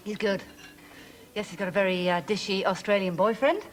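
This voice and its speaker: A woman's voice: medium pitch, fairly even intonation, brisk, a little hiss or hum, lightly acted. An actress playing a middle-aged woman TV talk show host with dry, cutting wit.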